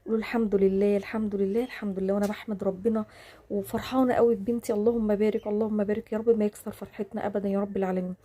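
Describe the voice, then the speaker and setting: An Egyptian woman in her forties talks straight to her viewers from home at a rapid clip. Her voice is dark and a little husky, and her speech is full of oaths and blessings. She comes across as emotional and devout. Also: mid-range voice, level tone. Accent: Egyptian Arabic. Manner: emotional and devout, frequent religious phrases and oaths. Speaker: vlogger. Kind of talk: casual chat to camera. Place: home, during a power cut.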